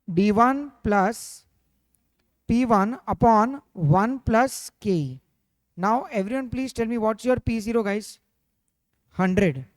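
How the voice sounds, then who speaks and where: A finance teacher with an Indian accent leads an interactive revision lecture, constantly quizzing students and now and then slipping in a Hindi interjection. His voice is mid-range, with no echo.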